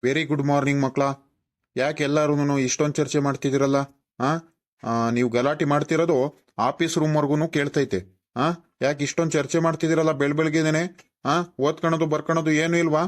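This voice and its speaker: A strict but kindly village schoolteacher in a cartoon, voiced by a man, speaking in a somewhat high voice with a rural Karnataka Kannada accent. He scolds and lectures his class, tossing a questioning "aa?" after each point. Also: fairly even intonation, brisk, close to an everyday voice. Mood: scolding. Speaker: teacher. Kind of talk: cartoon voice acting.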